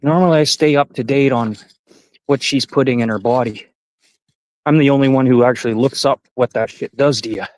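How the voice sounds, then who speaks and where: Canadian man in his 40s, live-stream hiking vlogger, rambling profane chatter, dry close sound, mid pitch. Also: a little fast, no echo, rough recording. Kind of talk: casual live-stream chat while hiking. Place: outdoors on a forest trail.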